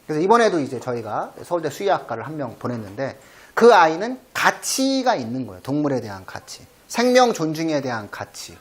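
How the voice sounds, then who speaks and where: Lively, animated man telling stories. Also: on the high side, brisk. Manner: lively storyteller, acts out his own lines to cats. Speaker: education channel host. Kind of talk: casual explanatory talk.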